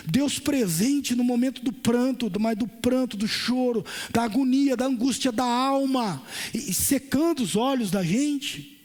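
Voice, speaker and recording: A man with a Brazilian Portuguese accent preaching a Pentecostal sermon at a church service, impassioned, moving between shouted lines and softer ones. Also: very high-pitched, measured pace. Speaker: pastor.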